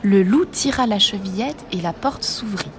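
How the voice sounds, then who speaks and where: A woman reading a fairy tale aloud in a measured, expressive storytelling voice. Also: mid-range voice, a little hiss or hum.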